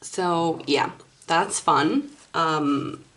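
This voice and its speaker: A woman's voice: low voice, drawn-out words, a bit bright. A woman from Finland with a Finnish accent, a native Finnish speaker, giving a casual tarot card reading in a hesitant, apologetic way as she searches for words. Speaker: tarot reader.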